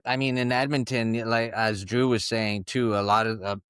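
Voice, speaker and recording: A man's voice: fairly low pitch, steady tone, brisk, a bit bright, smooth, no room sound, studio quality. A man from Ontario co-hosting a podcast interview, asking questions in a hyped, casual way. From Hamilton, Ontario. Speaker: podcast co-host.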